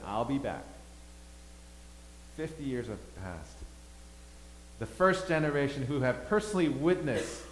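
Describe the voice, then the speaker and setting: A man who grew up in Thailand, preaching a sermon as pastor, swinging between loud emphasis and quiet asides. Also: mid-range voice. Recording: echoey hall, faint hum.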